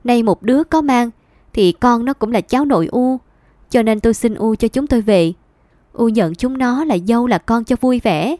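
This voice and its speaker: A woman's voice: a little high, normal speed, mellow, dry recording, lightly acted. A woman reading an audiobook, voicing a poor young son who tearfully begs his mother to take him back. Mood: begging. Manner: pleading, tearful.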